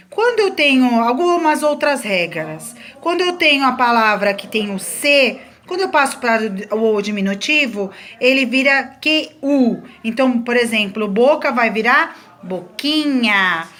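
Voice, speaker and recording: A woman's voice: on the high side, fairly bright tone. A woman teaching a grammar lesson, explaining the rules patiently step by step with examples.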